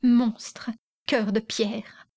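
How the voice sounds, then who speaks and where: Woman playing a distraught young mother, high wailing voice, tearful, dark mellow tone. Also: level tone, extremely slow. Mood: angry.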